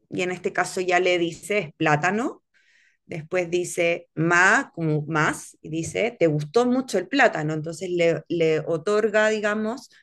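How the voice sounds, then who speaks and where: Leading an online workshop for teachers, this instructor lays out each step and keeps asking "¿cierto?" to make sure her listeners follow. Her voice is medium in pitch with a fairly bright tone.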